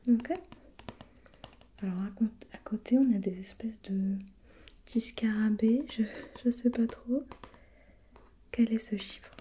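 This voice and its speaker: A woman playing a gentle, patient preschool teacher in a soft, breathy whispered role-play, encouraging and repeating softly. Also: fairly high pitch, fairly even intonation, slow, long pauses, slight background noise.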